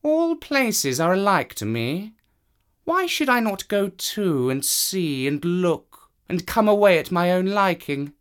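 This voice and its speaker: A man's voice: high voice, sing-song, takes it slowly, clear, resonant tone, voice pushed up, heavily acted. A man voicing a proud, aloof male cat with a haughty, raised voice. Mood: scheming.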